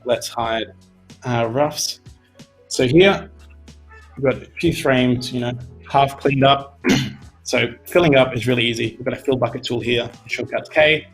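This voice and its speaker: With an unhurried, medium-pitched voice that's starting to tire, a young man from Australia leads a chatty animation tutorial on a casual live stream. He works from a desk mic in his home studio and says "you know" frequently. Soft music plays in the background.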